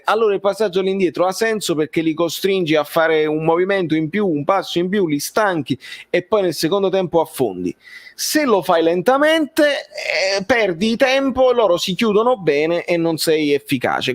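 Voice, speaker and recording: A man hosting a football live stream, chatting casually as he answers viewers, often halting and repeating his phrases. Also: sits high, expressive.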